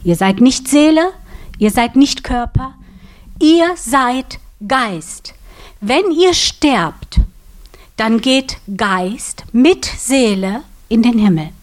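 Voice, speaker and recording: A woman's voice: a little high, drawn-out words. A woman preaching a sermon, teaching with a prop and asking her listeners questions. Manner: asks the audience questions, lively.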